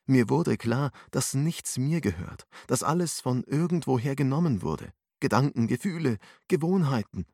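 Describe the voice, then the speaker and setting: A man's voice: mid-range voice, expressive, normal speed, hardly any pauses, a little mellow, slightly rough, no echo, clean studio sound, pitched above the performer's own voice. A man voicing a frightened, confused young man who asks anxious, searching questions, in an audiobook. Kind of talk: audiobook narration.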